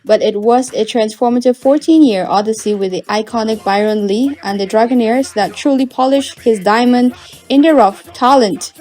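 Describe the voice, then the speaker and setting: A woman reads a scripted news profile with a polished, sweeping flair, her voice pitched somewhat high. Soft music plays quietly beneath her words. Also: moderate pace. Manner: dramatic, polished delivery. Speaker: news feature reporter. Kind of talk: scripted news feature narration.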